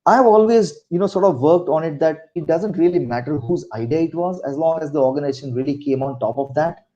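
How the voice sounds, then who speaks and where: A middle-aged Indian man speaks with a Marathi accent in a slightly high, relaxed voice. He shares career advice conversationally, repeating phrases for emphasis. The recording is dull and lo-fi. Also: a little fast. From Maharashtra, India. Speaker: interview guest, senior corporate executive.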